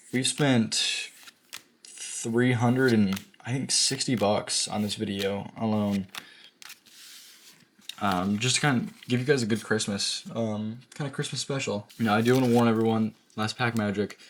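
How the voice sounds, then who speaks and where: A man with a medium-pitched voice hosts a card pack-opening video, chatting casually to the camera amid slight background noise. He uses lots of fillers and corrects himself often, and his voice gets a little hoarse.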